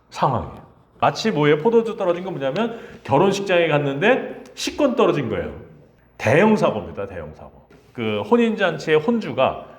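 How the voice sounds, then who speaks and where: A middle-aged man preaching a conversational Sunday sermon as pastor, lively and full of rhetorical questions to the congregation. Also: fairly high pitch. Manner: acts out quoted lines in changing voices.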